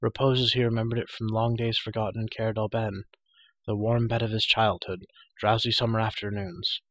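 A man narrating a fantasy audiobook in a steady, dramatic storytelling manner with occasional slips. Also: on the low side, moderate pace. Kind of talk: audiobook reading.

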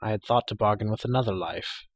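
A man voicing a proud, cruel sorceress queen in an audiobook reading, silky and coaxing, turning shrill when enraged. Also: fast, no echo, natural voice. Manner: silky, then shrill and raging.

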